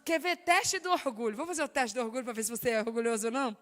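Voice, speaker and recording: A woman with a Brazilian Portuguese accent giving an animated, emphatic talk on stage, sharing her own story. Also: fairly high pitch, very fast. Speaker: speaker sharing testimony. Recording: long hall reverb.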